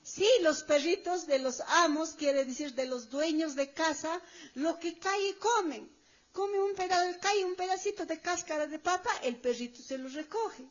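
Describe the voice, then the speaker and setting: A woman's voice: very high-pitched, a little slow. A woman preacher giving an emphatic sermon to a congregation, stretching out her exclamations. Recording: dull lo-fi recording.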